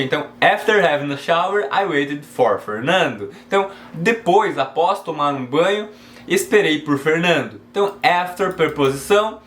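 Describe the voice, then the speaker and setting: A man from Brazil with a Brazilian Portuguese accent teaching an English lesson in a friendly, casual style. He keeps checking in with the viewer and reads the English examples slowly and carefully. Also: a little high, fairly bright tone, roomy sound.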